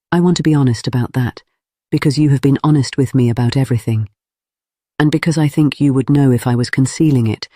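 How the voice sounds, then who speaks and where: A man reading the part of an earnest, honest Regency gentleman in an audio story, careful, formal and restrained. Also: mid-range voice, no room sound, studio quality, lightly acted.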